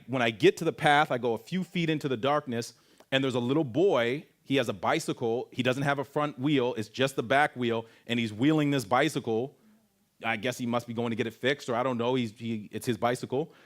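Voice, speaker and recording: A man tells a personal story to a camp audience. He speaks at an ordinary pitch for a man and narrates in a lively way, acting out voices and making sound effects as he goes. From Canada. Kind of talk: storytelling testimony talk.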